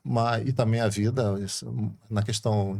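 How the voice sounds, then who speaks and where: Gravelly middle-aged Brazilian man from Rio. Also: fairly low pitch, normal speed. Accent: Brazilian Portuguese, Rio de Janeiro. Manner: calm storytelling with frequent tag questions. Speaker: permanent deacon, guest. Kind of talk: casual conversation.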